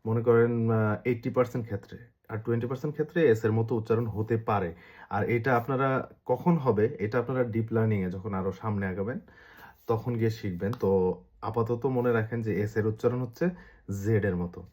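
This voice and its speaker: A man with a Bangladeshi accent giving a casual lesson, repeating sounds slowly to demonstrate pronunciation. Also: lowish voice, darkish tone. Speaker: language teacher.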